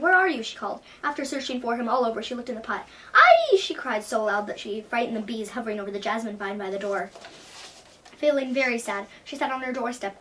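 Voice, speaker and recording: A woman storyteller reads a children's folktale with lively expression. Her voice is fairly high and her pace fast. She sounds a bit distant from the microphone. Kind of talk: reading a folktale aloud. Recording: distant from the mic.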